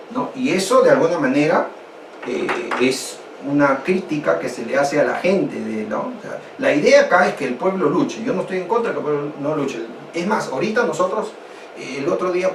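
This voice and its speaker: Animated male teacher in an echoey room. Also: fairly high pitch. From Peru. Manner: animated, rhetorical questions to students. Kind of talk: online history lesson. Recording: echoey room, distant mic, faint noise.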